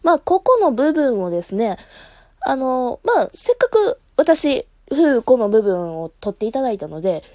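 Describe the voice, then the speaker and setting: A woman's voice: on the high side, sing-song, normal speed, warm tone, no echo, clean studio sound. A woman with a Kansai accent hosting a casual solo podcast, chatty and teasing, laughing often as she talks into a phone app. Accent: Kansai Japanese. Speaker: podcast host.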